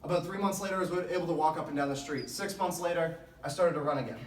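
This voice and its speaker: A slightly high-pitched male motivational speaker tells a sports team his story, deliberate and earnest, hitting key phrases hard. There's a little hiss or hum, and the very roomy sound comes from an echoey room and a distant microphone.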